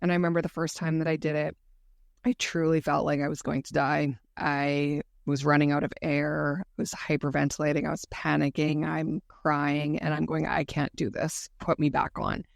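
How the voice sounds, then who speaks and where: A woman's voice: deep voice, little pitch movement, normal speed, vocal fry, dry recording, clean studio sound. A woman guest telling her story candidly in a conversational interview. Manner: earnest, candid recounting.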